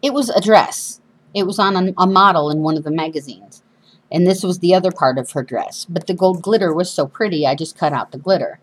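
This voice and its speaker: Woman, low pitch, missing front teeth with whistly sibilants, chatty craft demonstration, informal. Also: a little fast, husky, low-quality recording. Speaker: craft show host. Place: indoors at a craft table.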